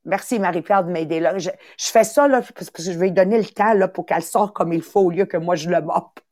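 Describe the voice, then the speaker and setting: A woman's voice: fairly low pitch, brisk, dark tone, dry recording, clean studio sound. A woman hosting a motivational podcast, upbeat, repeating words for emphasis and slipping into English. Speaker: podcast host and coach. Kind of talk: motivational live talk.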